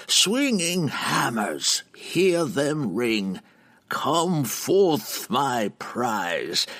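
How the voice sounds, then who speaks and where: A withered old drow witch, as a male narrator puts her on, cruel and taunting, her voice pitched up high and strained in timbre. She stretches every word out slowly, savouring each mocking line in this audiobook fantasy. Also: gravelly, a bit bright, dry recording, exaggerated voice. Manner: slow, mocking, drawn-out teasing. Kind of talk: audiobook character voice.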